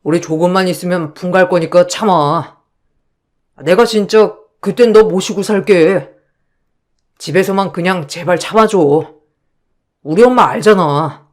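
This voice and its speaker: A man's voice: sits high, a little slow, pauses often. A man playing a meek, pleading husband. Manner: pleading, placating.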